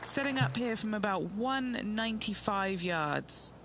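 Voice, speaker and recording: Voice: mid-range voice, expressive, measured pace, a crowd in the background, noisy background. An actor voicing a concise on-course golf reporter in video game commentary. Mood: focused.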